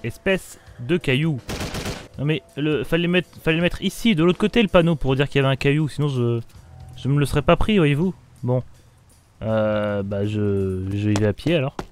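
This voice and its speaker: A man's voice: medium pitch, normal speed, soft background music. A young man playing a video game and joking through it, self-mocking and silly as he narrates his own mishaps. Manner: goofy, self-mocking, jokes and silly voices. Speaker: gaming video host. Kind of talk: comedic let's play commentary.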